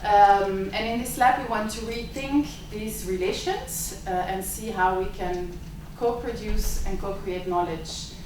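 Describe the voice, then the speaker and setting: An Italian-native woman, a symposium host and lab director, gives opening remarks at an academic event. Her mid-range voice moves a little slowly with few pauses, though her delivery is hesitant and full of filler sounds. The mic sits far off in a noisy, echoey seminar room.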